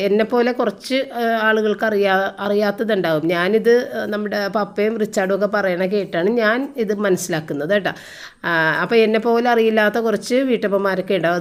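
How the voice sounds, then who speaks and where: Middle-aged woman talking to her vlog from the car, chatty, lots of drawn-out fillers, keeps turning to the viewers. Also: mid-range voice. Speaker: vlogger and housewife. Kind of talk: casual vlog narration. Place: inside a car on a road trip.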